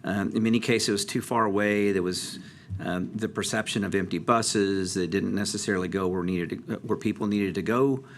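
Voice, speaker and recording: Low-voiced man presenting to a council. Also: steady tone, normal speed, slight background noise. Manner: conversational, many fillers and restarts. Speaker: transit district presenter.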